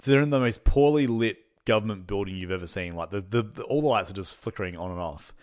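A man's voice: fairly low pitch, fast talker, a little mellow. A man hosting a podcast, recapping an episode in casual chat, rambling with lots of fillers and restarts and laughing often. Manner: acts out characters' lines when retelling. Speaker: podcast host.

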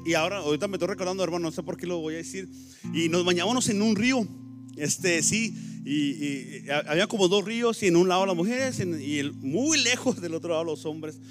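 A man giving a fervent, halting church testimony to the congregation, slipping in English words. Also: sits high. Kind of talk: testimony sermon. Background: guitar music.

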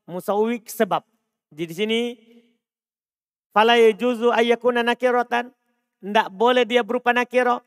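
Male religious teacher, high voice, dry close sound, drills students on Arabic grammar. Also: a bit bright, no room sound. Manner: quizzing students with repeated questions; mixes Arabic terms with Indonesian explanation. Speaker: Islamic studies teacher. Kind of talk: classroom lesson on Arabic grammar.

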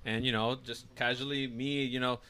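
Excited young man telling a story. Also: mid-range voice, moderate pace, a little hiss or hum. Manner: excited storytelling, quotes himself, laughs often. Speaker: podcast guest. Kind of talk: casual chat among friends.

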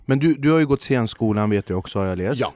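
A man hosting a casual interview, asking relaxed, hesitant questions. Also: mid-range voice, no room sound. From Sweden. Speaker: host.

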